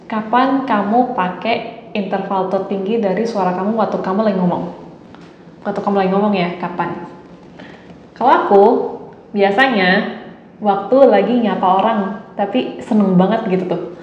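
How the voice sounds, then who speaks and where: A young woman from Indonesia hosting a casual Mandarin lesson, chatting along and demonstrating tones with drawn-out syllables. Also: medium pitch, steady tone. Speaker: Mandarin teacher, channel host. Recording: slightly dull, roomy, faint hiss.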